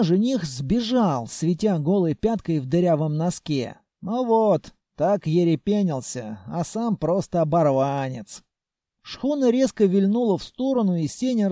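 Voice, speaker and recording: A man narrating an audiobook in a lively, wry storytelling manner, recorded close to the mic. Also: high voice, dry recording.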